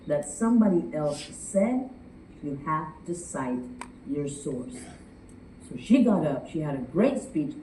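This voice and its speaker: A woman from the United States speaking to a contest audience as a judge, chatty and animated, acting out quotes. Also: lowish voice, a little hiss or hum. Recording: echoey room from far off.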